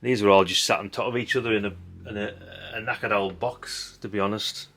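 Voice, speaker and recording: Sorting through old electronics, a middle-aged hobbyist host talks a little fast in a lowish, steady voice. He's casual, blunt and dryly rambling, with tag questions and some mild swearing, while handled parts click, clatter and clink over background noise.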